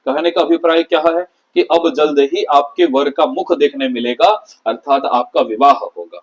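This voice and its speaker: A man teaching a classical Sanskrit play. He recites each verse slowly, then paraphrases and repeats it in everyday speech. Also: on the high side, highs cut off.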